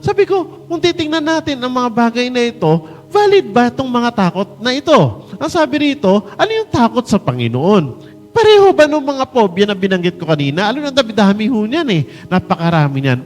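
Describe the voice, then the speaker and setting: Lively Filipino preacher in a hall. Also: male voice, high-pitched. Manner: animated, mixes Tagalog with English, acts out quoted voices. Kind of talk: sermon. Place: church hall.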